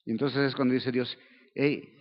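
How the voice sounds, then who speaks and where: A Mexican man preaching a sermon, his voice sitting a little high for a man. He keeps it conversational and keeps checking in with his listeners. The recording is dull and lo-fi. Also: measured pace. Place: church service.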